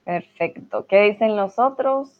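A woman's voice: medium pitch, animated, unhurried. A woman teaching Spanish in a live-streamed lesson, reading out viewers' chat comments and answering them in a patient, encouraging way. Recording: dull lo-fi stream audio.

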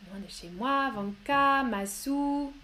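A woman's voice: sits high, slow, pushed and bright, slight background noise. A woman teaching grammar in a live online lesson, patient and encouraging as she answers viewers one by one. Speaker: French teacher.

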